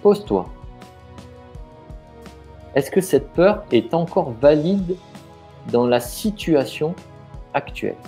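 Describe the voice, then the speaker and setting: A man's voice: on the high side, animated, slow, pauses often, dark tone, soft background music. A man coaching the viewer directly in an informal, encouraging way, with fillers and restarted sentences. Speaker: business mindset coach. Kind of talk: coaching video talking straight to the viewer.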